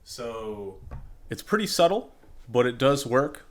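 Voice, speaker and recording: A man reviewing tech gear in a relaxed, chatty way, with an ordinary mid-range voice. He gives blunt, candid opinions as he goes. He is recorded on a desktop USB condenser mic. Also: mid-range voice, slow. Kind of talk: casual product review. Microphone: desktop USB condenser microphone.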